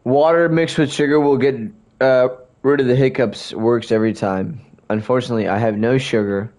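A man's voice: mid-range voice, fairly even intonation, moderate pace, a little mellow. A young man chatting casually to his viewers during a game stream, rambling and hiccuping as he talks. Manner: rambling, talks to chat, keeps hiccuping and burping. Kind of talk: casual livestream chat while gaming.

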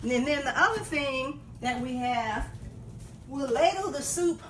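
A woman in her fifties with a somewhat high voice demonstrates a recipe in her home kitchen, talking through each step as she works. A phone held by someone else picks her up as it moves around her. The clear clatter of dishes and pans sounds behind her. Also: expressive, a little slow, noisy background. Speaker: guest cook. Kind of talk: cooking demonstration.

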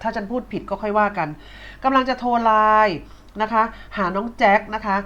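A woman's voice: medium pitch, steady tone, a little fast, a bit bright. A woman hosts a casual online interview in a playful, teasing way. Her voice comes through slightly dull and muffled, and she scatters polite particles through her questions. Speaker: host of an insurance case-sharing show. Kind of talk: casual live-stream interview. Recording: dull lo-fi sound.

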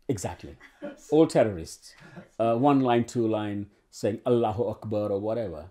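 Warm and fairly low, this man's voice moves a little slowly with frequent pauses. He's a Ugandan actor in his sixties sharing his story in an oral history interview in a living room with bookshelves and a sofa, rambling with many restarts and fillers.

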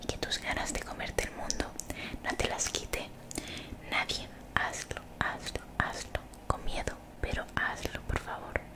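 A young woman gives soothing, motivational ASMR in a breathy whisper very close to the mic, gently repeating phrases. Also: a little slow. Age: young adult. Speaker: ASMR creator. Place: small bedroom, indoors. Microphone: desktop condenser mic, very close.

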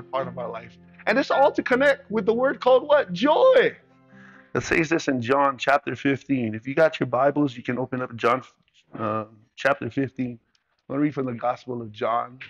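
A man from the Pacific islands preaches in a high, bright voice, full of call-and-response and playful asides. Soft music plays faintly behind him. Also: lo-fi sound. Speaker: pastor. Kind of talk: sermon.

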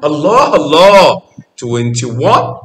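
Egyptian male teacher, lively and coaxing with small pupils; high, expressive voice; roomy classroom sound. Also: normal speed, a little hiss or hum. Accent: Egyptian Arabic. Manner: animated and coaxing, praising and quizzing pupils. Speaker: math teacher. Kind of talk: classroom teaching to young children.

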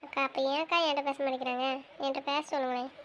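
A young woman acting a naive, earnest girl who pleads softly about a crush in an amateur drama. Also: high-pitched, steady tone, rapid-fire, a little hiss or hum. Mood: pleading.

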